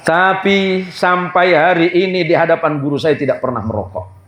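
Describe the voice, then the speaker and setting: Older preacher joking, echoey hall. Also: male voice, on the high side, normal speed, slight background noise. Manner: jokey, lively, mixes in regional dialect. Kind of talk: humorous sermon storytelling.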